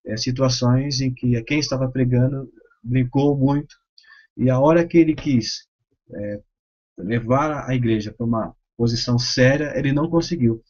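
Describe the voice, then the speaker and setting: A man, a pastor, teaching a course on preaching with a Brazilian Portuguese accent, giving measured advice with frequent hesitations. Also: mid-range voice, darkish tone. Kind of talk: instructional talk. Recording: slightly dull, lo-fi sound.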